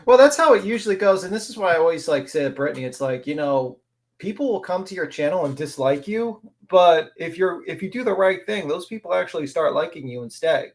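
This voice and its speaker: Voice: medium pitch, expressive, fairly quick. A speaker talking through a voice changer that makes them sound like a man, chatting casually and candidly on a livestream call, rambling and swearing now and then.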